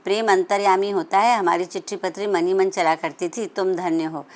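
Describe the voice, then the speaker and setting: A woman's voice: medium pitch, steady tone, a little fast, darkish tone, natural voice. A woman voicing an earnest, dreamy young woman in love, in a read-aloud story.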